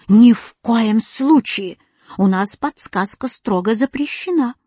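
A stern, creaky old crone who is a comma come to life, as a woman reads her. She rasps out her orders in a husky, breathy voice. It sounds dry and close, like a storybook reading. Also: mid-range voice, animated, normal speed, no room sound, close to an everyday voice. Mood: shrill. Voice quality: creaky, screeching.

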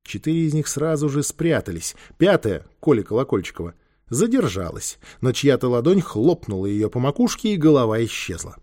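A man narrating a children's story aloud with lively, dramatic reading. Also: mid-range voice, a little fast.

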